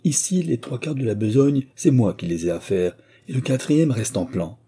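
A man voicing an angry middle-aged innkeeper's wife who scolds in a raised, shrill voice in an audiobook reading. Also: fairly quick, warm tone, slightly rough, lightly acted. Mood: scolding.

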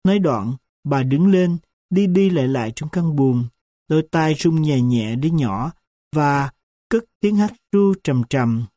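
A man narrating a storybook in a slow, solemn, reflective way. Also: a little high, expressive, dark tone, no room sound, clean studio sound.

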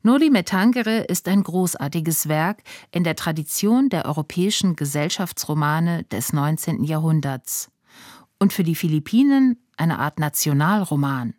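A woman giving calm, scripted narration for a radio feature on a studio microphone. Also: deep voice, moderate pace, no room sound.

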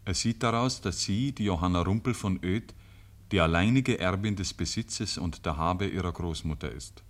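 A low-pitched, natural-sounding man tells a country story in a literary radio play, his Bavarian accent clear. He keeps a moderate pace and a grave, measured feel, captured in a 1950s radio recording.

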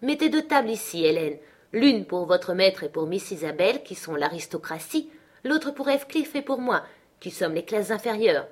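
A woman reading an audiobook and voicing an impulsive, passionate young lady of the manor who speaks in breathless, excited outbursts. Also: mid-range voice, normal speed. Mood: coaxing.

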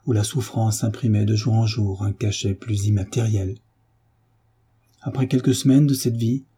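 Husky, dark-voiced male narrator. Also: fairly low pitch. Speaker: audiobook narrator. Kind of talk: scripted literary narration.

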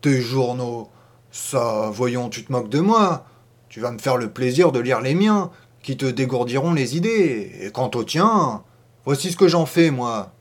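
Brief: a man doing a brash, domineering, mocking man in an audiobook, loud and emphatic, pitched up a bit. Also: expressive, a little slow. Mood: scoffing, loud. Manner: loud, scoffing, emphatic declaiming. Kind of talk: audiobook reading.

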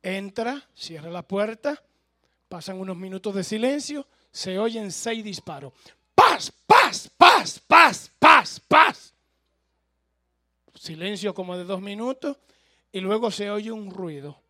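A man's voice: sits high, lively intonation, a little slow, no room sound, studio quality. A male pastor preaching in a church, telling a humorous story and speaking directly to the congregation.

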